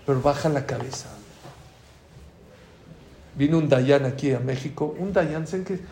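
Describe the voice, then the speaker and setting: A man gives a religious lesson with a slightly raised voice. He acts out dialogues and swings from loud bursts to hushed asides. The recording has an echoey room and a faint hum of ambience. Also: on the high side, normal speed, vocal fry. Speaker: Torah teacher.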